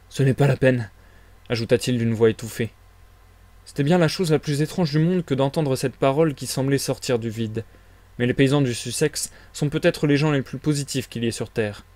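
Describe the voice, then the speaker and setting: A man's voice: mid-range voice, no echo. Man reading a classic novel aloud. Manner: steady storytelling delivery. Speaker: reader. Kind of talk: live audiobook reading.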